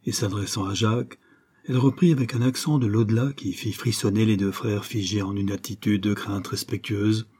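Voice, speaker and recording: Low, husky male audiobook narrator. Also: steady tone, dark tone. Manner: measured, dramatic reading. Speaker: audiobook reader. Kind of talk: scripted narration of a serial novel.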